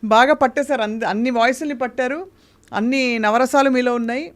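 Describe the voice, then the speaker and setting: A woman's voice: on the high side, fairly even intonation, fairly quick, a little hiss or hum. A woman hosting an interview, encouraging and praising her guest. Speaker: interview host. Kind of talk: casual interview.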